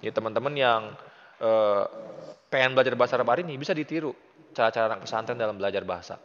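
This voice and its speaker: A man's voice: medium pitch, rapid-fire, slight background noise. Man, Indonesian accent, Arabic tutor, casual lesson, encouraging, long reverb, dull sound. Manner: patient, encouraging, praises often. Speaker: Arabic teacher. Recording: muffled audio with long reverb.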